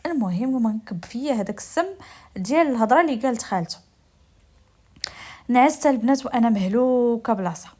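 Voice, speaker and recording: A woman's voice: on the high side, animated, fast, long pauses, warm tone. A woman with a Moroccan accent telling a story in the first person, speaking to her listeners in a confiding way. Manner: confiding, addresses listeners directly.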